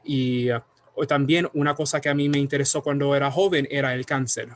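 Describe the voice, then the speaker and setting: A young adult man from Puerto Rico with a Puerto Rican Spanish accent, giving an online science talk over a video call with many fillers. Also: mid-range voice. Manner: explanatory, with frequent fillers. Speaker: guest scientist. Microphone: computer mic on a video call.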